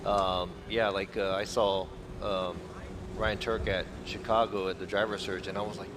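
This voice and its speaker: A man's voice: sits low, level tone, moderate pace, noisy background. A middle-aged man giving color commentary as a former driver, laid-back and reflective, with many fillers. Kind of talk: live motorsport commentary.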